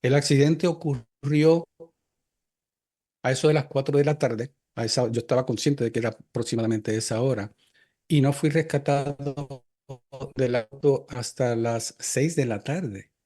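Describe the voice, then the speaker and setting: An older man, a guest in an interview, recounting personal experiences in a reflective, hesitant way with frequent filler pauses. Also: medium pitch, mellow.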